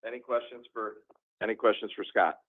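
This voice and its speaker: A man's voice: fairly low pitch, fairly even intonation, brisk. A man chairing a committee meeting, chatty and joking between reports. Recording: tinny phone-like line.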